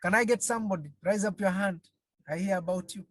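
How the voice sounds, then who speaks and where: This online webinar, held over a video call, features a counselling trainer whose mid-range voice proceeds slowly and haltingly. Phrases get repeated and rhetorical questions keep coming. The recording is dry, with clean studio sound.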